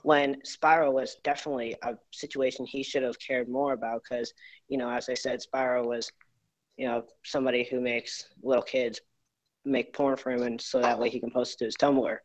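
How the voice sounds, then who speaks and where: A man's voice: mid-range voice, little pitch movement, moderate pace. A man speaking earnestly in a rambling way, with many fillers, his voice echoing around a home garage. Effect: echoey garage sound. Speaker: YouTuber. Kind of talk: group apology video. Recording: dull lo-fi echoey garage.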